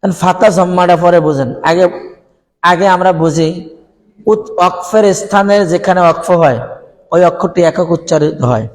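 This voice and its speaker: Man teaching recitation in an echoing hall. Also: high voice. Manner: explains step by step, asks listeners questions, demonstrates recitation slowly. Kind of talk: teacher training lesson. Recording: hall with long reverb.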